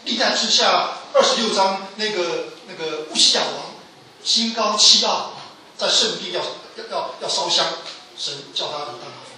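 A man preaching a sermon with emphatic delivery, his voice rising to loud pleas and falling low again. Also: normal speed, slight background noise. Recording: echoey hall from a distance.

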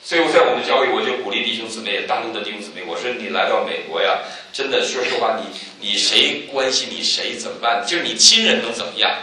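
A man giving a church testimony, telling stories with animated swings and loud exclaiming peaks. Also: medium pitch, quick pace, few pauses, very echoey, distant mic, slight background noise, poor audio. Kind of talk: sermon testimony.

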